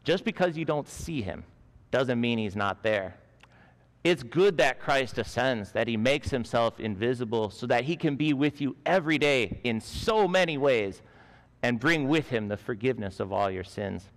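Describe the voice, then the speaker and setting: A man's voice: medium pitch, moderate pace. A man in his forties preaching a chapel sermon at a school, telling stories earnestly while gesturing with both hands. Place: school chapel stage with a lectern. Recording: long reverb of a large chapel.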